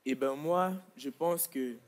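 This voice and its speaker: A man's voice: mid-range voice, slow pace. A man from Congo performing stand-up comedy on a stage, with a playful, boastful delivery. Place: comedy stage with live audience.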